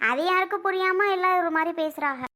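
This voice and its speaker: A woman's voice: very high-pitched, fast talker, bright, forceful tone. A woman in a family drama skit, talking in a defensive, chatty way. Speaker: skit actress.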